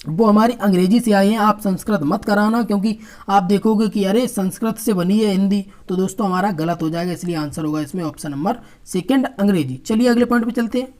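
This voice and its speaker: A woman's voice: mid-range voice, brisk, a little mellow. Woman teacher going through exam questions. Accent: Hindi. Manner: addresses viewers as friends, explains step by step. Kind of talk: exam-prep lesson, reading out questions and answers.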